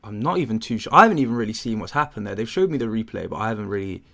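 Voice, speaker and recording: Rapid-fire and expressive, he's a young man from England whose lowish voice is bright and forceful with vocal fry. Hosting a football watchalong, he rambles with fillers, commentates loosely, and answers viewers' chat questions.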